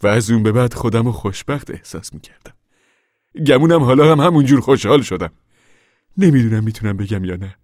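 An actor playing a reflective male former preacher in a radio drama, speaking quietly and thoughtfully. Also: medium pitch, animated, dry recording, clean studio sound, close to an everyday voice. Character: soft-spoken male wandering former preacher.

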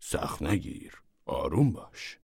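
A man's voice: deep voice, lively intonation, fairly bright tone, no echo, studio quality. A man voicing a strict middle-aged fruit inspector who gives curt instructions. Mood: stern.

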